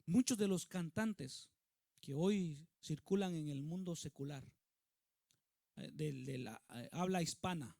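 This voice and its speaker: A male pastor preaches with emphasis and keeps turning to his listeners with questions. His voice sits high for a man. The recording is dry and close, with no room echo. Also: a little slow, gravelly, dark tone. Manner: emphatic, asks the congregation questions. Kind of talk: sermon.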